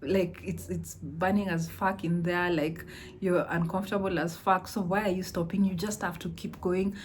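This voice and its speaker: A woman's voice: lowish voice, normal speed, a little hiss or hum. Chatty Kenyan woman telling stories. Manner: animated, mixes Swahili into English, laughs often. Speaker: vlogger, entrepreneur. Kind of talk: casual storytelling vlog.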